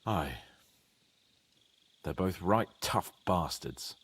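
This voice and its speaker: A brash young lord with a lively voice. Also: male voice, low voice, drawn-out words, husky, exaggerated voice. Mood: wry. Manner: crude, joking, loud banter. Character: brash young nobleman, boastful and resentful. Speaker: game character. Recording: game audio with music underneath.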